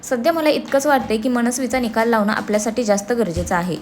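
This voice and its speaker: A woman voicing a calm, level-headed young man who reasons with his friends. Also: a little high, fast, slight background noise, lightly acted. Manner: reasoning, reassuring.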